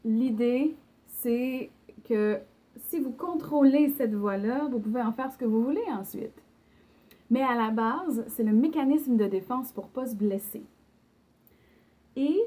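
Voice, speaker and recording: A woman's voice: a little high, dark tone. A young woman with a Québécois French accent giving an online singing lesson, explaining patiently with fillers and short sung examples. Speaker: singing teacher.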